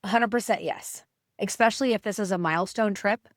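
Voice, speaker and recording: An upbeat woman co-hosting a podcast at a middle pitch, chatting casually with plenty of "like". The sound is dry and close. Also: brisk, dry recording. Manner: upbeat, lots of "like". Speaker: podcast co-host.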